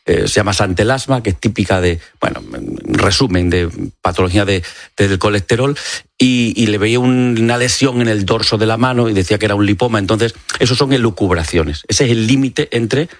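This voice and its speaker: Low-voiced doctor from Extremadura. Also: male voice, fairly quick, no echo. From Extremadura, Spain. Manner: explanatory, with frequent fillers and restarts. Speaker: ophthalmologist guest. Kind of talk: radio interview. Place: radio studio. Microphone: studio microphone.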